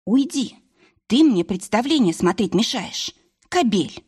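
A woman's voice: medium pitch, very animated, normal speed, darkish tone, breathy edge. A woman reading an audiobook voices a stubborn, tipsy young wife with a pouty, defiant manner.

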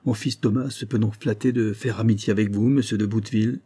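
A man's voice: lowish voice, fairly even intonation, fast talker, mellow, husky. A man reading an audiobook, voicing a boastful, fawning old army major with a blustering manner. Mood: proud. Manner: blustering, eager to please.

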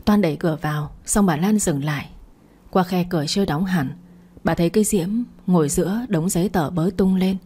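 A woman narrates a scripted family drama in a steady, dramatic manner. Her voice is low and husky with a dark, mellow tone. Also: brisk.

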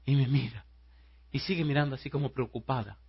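A man preaching a sermon as pastor. He tells stories quietly and then rises into loud rhetorical questions to the congregation. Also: mid-range voice, brisk, vocal fry, husky, muffled recording.

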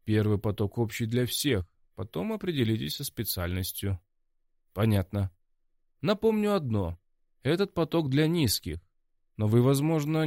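A man's voice: medium pitch, no echo, clean studio sound. A man voicing a pompous, gloomy male academy director who speaks coldly. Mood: warning. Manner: stern and cold, then yelling.

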